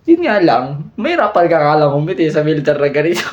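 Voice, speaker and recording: A man's voice: a little high, big pitch swings, a little fast, highs cut off, a little hiss or hum. A man with a Filipino accent hosting a vlog, teasing and playful, laughing at his own jokes. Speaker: vlogger host. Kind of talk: casual joking vlog chat.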